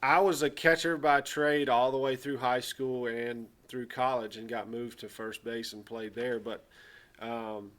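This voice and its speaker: A man who coaches baseball, telling a personal anecdote in a casual, animated way and playfully exaggerating. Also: mid-range voice, unhurried.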